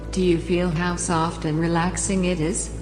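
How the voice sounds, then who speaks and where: Low-voiced woman, soothing sleep-story narration. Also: little pitch movement, moderate pace, echoey room, big-room sound, music in the background. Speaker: hypnosis audio narrator and trainer.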